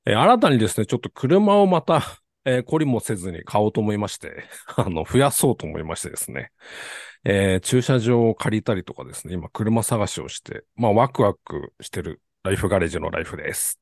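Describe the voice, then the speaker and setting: A man with a low voice presents a car podcast in very polite, formal language. His intonation is lively and varied. The sound is close and dry, with little room on it. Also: brisk, gravelly, no room sound. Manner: very polite, formal announcer-like phrasing. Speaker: podcast host.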